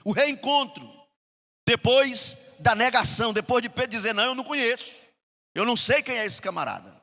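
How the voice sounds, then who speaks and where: A middle-aged Brazilian man preaching a sermon as pastor, swinging between loud emphasis and soft asides. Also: extremely high pitch, very animated, quick pace. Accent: Brazilian Portuguese. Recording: reverberant hall.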